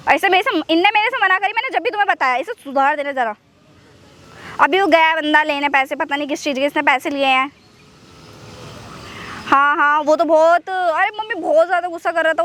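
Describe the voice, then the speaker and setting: A young woman acting out phone calls in a skit, scolding and pleading by turns in quick emotional outbursts. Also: high-pitched, a bit bright, slight background noise. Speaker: skit performer. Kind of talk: acted phone-call skit.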